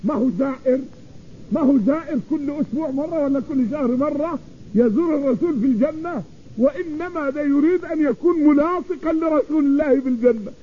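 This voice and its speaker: A man's voice: very high voice, fast talker. A man preaching and telling a story, repeating his phrases for emphasis. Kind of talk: sermon storytelling. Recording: tinny phone-like radio broadcast.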